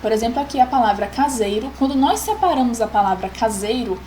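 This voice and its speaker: A woman's voice: a little high, expressive, quick pace, dark tone, slight background noise, poor audio. A woman, patiently explaining a grammar lesson as a teacher and often checking in with the class.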